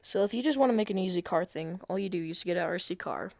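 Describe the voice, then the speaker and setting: A man's voice: high voice, quick pace, vocal fry, a little mellow, no echo. A man talking through a casual screen-recorded game tutorial, hesitant and self-deprecating, with many fillers and restarts.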